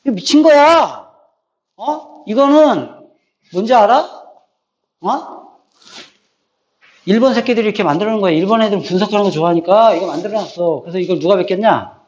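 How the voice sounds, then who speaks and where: A man teaching high school math in a classroom, bluntly ranting and quizzing students with repeated prompts. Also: fairly quick, pauses often, darkish tone. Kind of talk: classroom lecture. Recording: echoey classroom, dull lo-fi sound.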